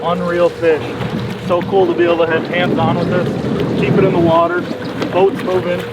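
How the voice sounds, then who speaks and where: A man's voice: sits high, completely flat delivery, moderate pace. A man fishing on a boat, making casual remarks in short clipped phrases as he handles a catch. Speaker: angler. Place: outdoors on a boat at sea. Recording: very noisy outdoor boat, wind.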